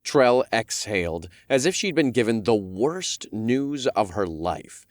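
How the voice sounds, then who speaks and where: A man's voice: on the low side, lively intonation, slow, no room sound, clean studio sound. A man narrating a fantasy audiobook in the first person, with wry storytelling.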